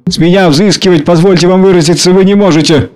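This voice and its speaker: A man's voice: high-pitched, steady tone, fast, darkish tone, voice pushed up, natural voice. A man reading aloud, voicing a pompous, clumsy, self-pitying clerk. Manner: fussy, long-winded, self-pitying.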